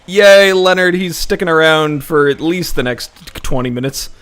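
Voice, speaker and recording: A man's voice: on the high side, normal speed, fairly bright tone, soft background music. A man co-hosting a let's play, chatting casually, laughing often and slipping into mock-lecturing jargon. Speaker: co-host of a gaming let's play.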